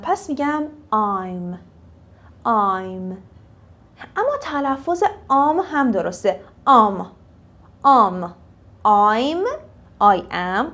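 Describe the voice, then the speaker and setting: A young woman teaching English phrases in a casual lesson, repeating each phrase slowly for learners. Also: high-pitched, a bit bright.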